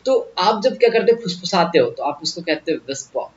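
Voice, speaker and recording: A man's voice: sits high, lively intonation, fairly quick, highs cut off. A man teaching English vocabulary in a casual, joking way, often asking the viewer questions. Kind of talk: casual Hindi vocabulary lesson.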